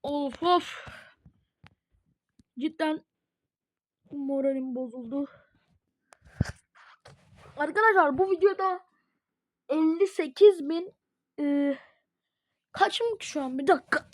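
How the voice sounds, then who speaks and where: A woman at home chatting casually to her viewers while playing a game, chatty and prone to excited, dramatic outbursts. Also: high voice, slow, pauses often. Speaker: gaming video host. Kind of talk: casual gameplay commentary.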